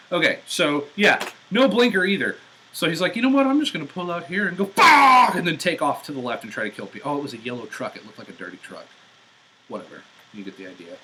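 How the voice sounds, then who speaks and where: A man's voice: medium pitch, pushed and bright, slight background noise, rough recording. A man ranting profanely and in exasperation during a live-stream driving vlog, recorded in a car on a portable device's built-in mic. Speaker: vlogger.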